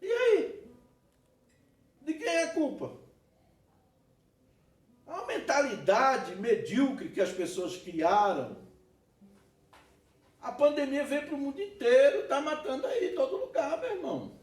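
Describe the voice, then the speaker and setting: Brazilian pastor guy, high lively voice, preaching away, echoey church heard from a distance. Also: takes it slowly, long pauses. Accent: Brazilian Portuguese. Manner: animated preaching with laughter and asides. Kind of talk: sermon. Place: church hall.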